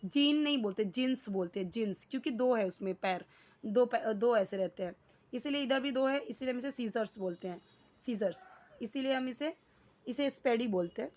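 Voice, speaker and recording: A woman's voice: a little high, moderate pace, darkish tone. A woman teaching an English grammar lesson in Hindi, explaining each word and asking and answering her own questions.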